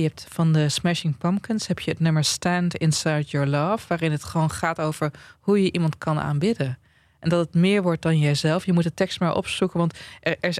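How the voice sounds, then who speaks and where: A man hosting a casual podcast, animated and joking, stumbling over restarts. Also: on the high side, no room sound. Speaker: podcast host. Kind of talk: casual podcast chat, reading song lyrics aloud.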